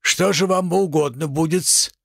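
A man's voice: on the high side, a little slow, gravelly, a bit bright, no room sound, clean studio sound, exaggerated voice. A man playing a sly stubborn merchant. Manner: deferential yet sly, homespun speech. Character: shrewd, stubborn middle-aged merchant, man.

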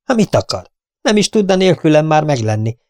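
Male reader playing a pint-sized insolent valet, higher pitch, mocking. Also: very animated, a little mellow, no room sound, studio quality. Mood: cheeky. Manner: impudent, mocking. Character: cheeky tiny red-haired male valet.

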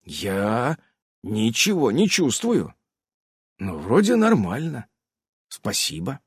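A man voicing a dazed husband who has just woken, slow, soft and subdued. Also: medium pitch, huge pitch swings, breathy edge, no echo, clean studio sound, full character voice.

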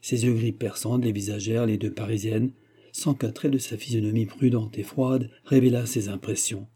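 A man narrating a classic French novel as an audiobook, in a steady, measured reading. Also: lowish voice, husky.

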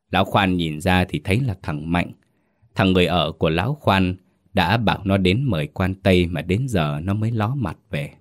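A man with a very low voice narrates a folk ghost story. He reads slowly and steadily, in a measured storyteller's delivery.

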